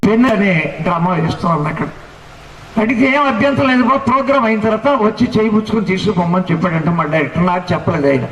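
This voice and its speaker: Old man, preacher, high-pitched, rhythmic rhyming sermon delivery, echoey hall, faint room noise. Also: fast, a bit bright. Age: 70s. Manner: rhythmic rhyming lists, rising to exclamations. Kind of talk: sermon testimony. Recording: echoey hall, mic at a distance.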